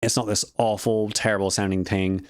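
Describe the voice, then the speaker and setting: A man's voice: on the low side, flat delivery, moderate pace, no room sound. A young man, an audio student, casually recapping a lecture in a rambling, self-correcting way into a close studio microphone. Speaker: audio student and vlog host. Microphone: close studio microphone with a compressor.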